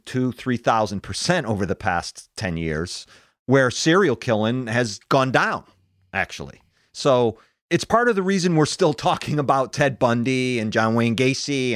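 A man's voice: mid-range voice, dry recording, studio quality. A man in his fifties hosting a podcast, talking through cases as a conversational true crime narrator.

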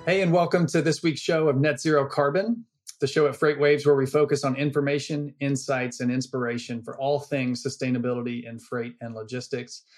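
A man's voice: medium pitch, fairly even intonation, a little fast. A man hosting a podcast interview, friendly and conversational. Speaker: podcast host.

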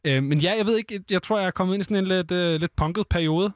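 A man's voice: high voice, no echo. A male radio host chatting casually in the studio and presenting music, with many filler sounds.

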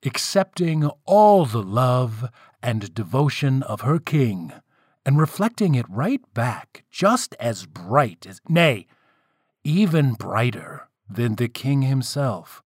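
A man's voice: medium pitch, sing-song, takes it slowly, slightly rough, dry recording, studio quality. A man telling a myth in a playful, wry way, with casual asides to the listeners. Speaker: storyteller. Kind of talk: casual storytelling narration of myths.

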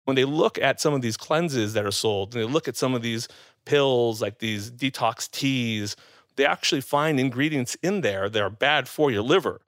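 A man who is a medical expert, answering interview questions in a measured, explanatory way. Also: mid-range voice, fairly bright tone, dry recording, studio quality.

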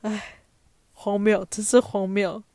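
A woman's voice: medium pitch, little pitch movement, takes it slowly, dark tone, no echo, studio quality. A young woman with a Taiwanese Mandarin accent, telling stories in a chatty, self-mocking way as a podcast host. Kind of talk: casual storytelling monologue.

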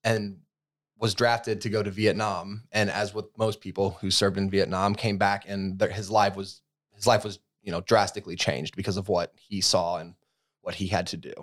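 A man in his thirties from the United States, co-hosting a podcast with a fairly low voice. He tells a story in an easygoing, conversational way, full of fillers and restarts. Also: level tone, moderate pace. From USA. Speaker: podcast co-host. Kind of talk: casual chat.

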